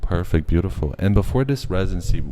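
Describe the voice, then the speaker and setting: A man's voice: deep voice, expressive, fast talker, a little hiss or hum. A male podcast host from Brazil asking interview questions in an effusive way, full of "like" and "you know". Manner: warm, effusive, filler-heavy questions. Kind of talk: interview conversation.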